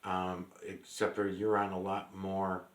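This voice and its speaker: A low-voiced man rambling to camera in a loose, meandering monologue. He stops and restarts often, full of fillers, and swears bluntly. His voice rings in a roomy, echoey space. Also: monotone, unhurried. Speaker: vlogger. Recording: roomy echo.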